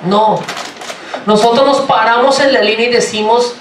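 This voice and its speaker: A man's voice: extremely high pitch, a little fast, slight background noise. Colombian man, church preacher, playful rhetorical questions, echoey hall, distant mic. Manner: lively, joking, asks the congregation many rhetorical questions. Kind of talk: sermon. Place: church sanctuary. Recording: roomy, from far off, faint ambience.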